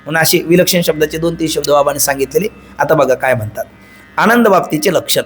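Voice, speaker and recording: Over soft background music, a male preacher delivers a devotional Vedanta talk at a quick pace in a fairly high voice. He tells stories with animation, acting out dialogue and chanting verses.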